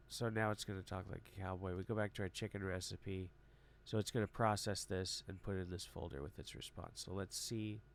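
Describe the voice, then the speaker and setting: A man casually walking through a software workflow demo, relaxed and chatty with frequent filler pauses. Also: low-pitched, vocal fry, a little hiss or hum. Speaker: tech tutorial presenter.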